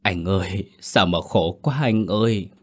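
An old woman mourns her brother, hoarse and tearful, as a male narrator reads her lines. The voice stays low and plain. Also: a little slow. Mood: grieving. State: crying, hoarse. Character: elderly woman, tearful grieving sister.

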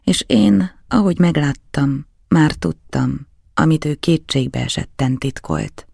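Male audiobook narrator, gravelly, dry close recording, measured and dramatic. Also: on the high side, darkish tone, no echo.

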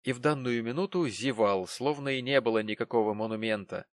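A man narrating an audiobook of a classic novel in a measured storytelling way. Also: mid-range voice, dry recording, studio quality. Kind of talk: scripted narration.

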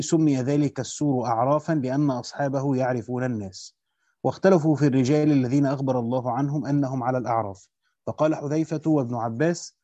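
A man's voice: medium pitch, dark tone, no echo, highs cut off. A man with an Egyptian accent reading a classical Quran commentary aloud and explaining it with colloquial asides. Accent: Egyptian Arabic. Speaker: Islamic studies teacher.

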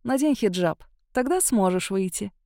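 A woman voicing a confident young man who talks calmly and teasingly. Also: mid-range voice, moderate pace, no room sound, studio quality, lightly acted. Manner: calm, self-assured.

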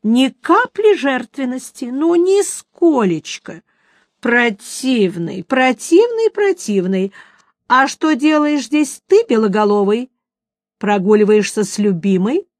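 A woman reading aloud voices a capricious, haughty mermaid with a high, trilling, mocking voice. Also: big pitch swings, slow, dry recording, clean studio sound.

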